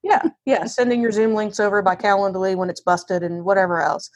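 This is a casual podcast interview with a divorce lawyer, a woman with a Southern US accent whose medium-pitched voice stays steady as she talks fairly quickly. She's open and self-mocking, regularly acting out what she and others said.

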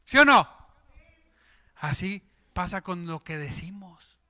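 A man with a high-sitting voice preaches a sermon at a slow pace. He is lively, cracking jokes and putting questions to the congregation.

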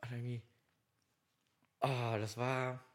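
A man's voice: medium pitch, little pitch movement, slow. Young man, podcast co-host, casual banter, rambling, self-correcting, laughs a lot.

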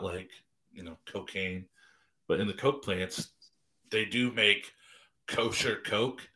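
A man's voice: on the low side, bright, forceful tone. A man co-hosting a podcast, chatting casually with a rambling, self-deprecating manner and lots of restarts. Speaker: podcast co-host.

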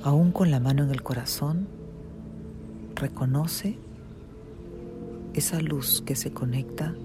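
A soothing guided meditation narrator speaks at a very slow pace, as in a sleep story. The voice is hushed and medium in pitch, with long pauses between short phrases. Music plays clearly behind the words.

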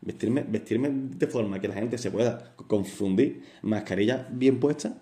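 A man's voice: medium pitch, moderate pace, mellow. A young man with a Cádiz Andalusian accent, chatting casually as a podcast co-host, laughing often and swearing freely. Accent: Andalusian Spanish (Cádiz). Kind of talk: casual banter. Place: remote from home. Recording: roomy echo.

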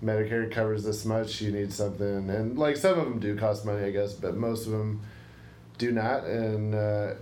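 A man's voice: on the low side, steady tone, moderate pace, a little mellow. Rambling young man in a roomy room. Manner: rambling, hesitant, many fillers. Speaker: podcast co-host. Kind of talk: casual chat. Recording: roomy room, faint hiss.

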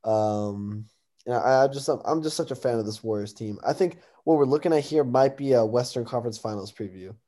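A man's voice: medium pitch, fairly quick, mellow. A young American man co-hosting a sports talk, casually giving predictions on games.

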